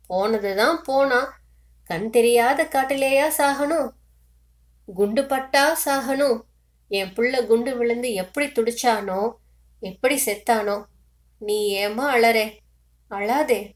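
An older aunt, tearful and grieving, soothes a young widow in a storybook reading, voiced by a woman. She pleads and repeats the same gentle words again and again, her voice heavy with sorrow. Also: on the high side, slow, pauses often.

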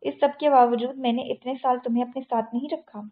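A woman's voice: high voice, fairly even intonation, lightly acted. A woman voicing a powerful, angry middle-aged male tycoon who speaks in a commanding, stern way. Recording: tinny phone-like audio.

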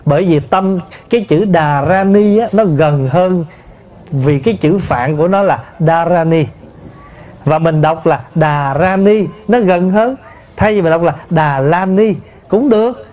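Slow-speaking monk teaching. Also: male voice, fairly high pitch, warm tone. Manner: slow, explanatory, addresses the assembly, repeats terms to teach pronunciation. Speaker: Buddhist monk giving a dharma talk. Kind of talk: sermon answering a listener's question.

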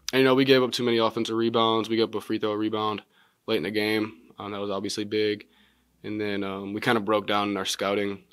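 Low, even-toned young male athlete. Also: clear, resonant tone, dry recording. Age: 20s. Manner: measured, many filler words. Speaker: college basketball player. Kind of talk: postgame press conference answers. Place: press room, seated at table. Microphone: table mic in front.

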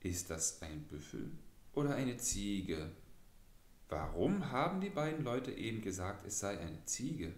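Man doing a gullible old farmer, slow-witted. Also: fairly low pitch, big pitch swings, roomy sound. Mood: puzzled. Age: older. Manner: hesitant, puzzled musing.

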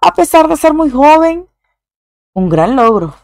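Effusive higher-voiced woman reacting on video. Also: sing-song, unhurried, a little mellow, no room sound, studio quality. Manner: effusive, reads viewer comments aloud; slips English exclamations into her talk. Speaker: YouTube reaction host. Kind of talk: casual reaction commentary.

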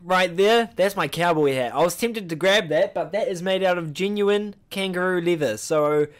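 Excitable young man, slightly high voice. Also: moderate pace. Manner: excitable, rambling, swears casually. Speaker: YouTube reaction host. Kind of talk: casual reaction video chat.

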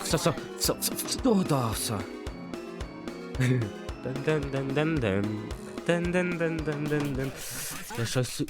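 A man giving excited gameplay commentary, breaking into panicky yelps and repeated outbursts. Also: mid-range voice. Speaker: let's play gamer. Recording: game music loud under voice. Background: game music.

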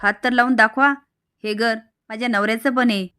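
A woman's voice: on the high side, steady tone, a little fast, pushed and bright, smooth, no echo, clean studio sound. A woman voicing an outspoken married woman who argues back. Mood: indignant. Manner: indignant, argumentative.

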